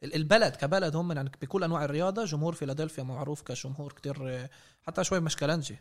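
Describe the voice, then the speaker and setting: A man's voice: fairly high pitch, rapid-fire. A man with a Palestinian Arabic accent giving casual sports analysis as a podcast panelist.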